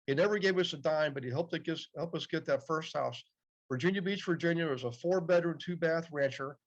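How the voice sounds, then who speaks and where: As a guest on a podcast, this man in his late fifties chats casually through stories and often replies "yep." His voice leans high and a little fast, heard through dull, muffled audio.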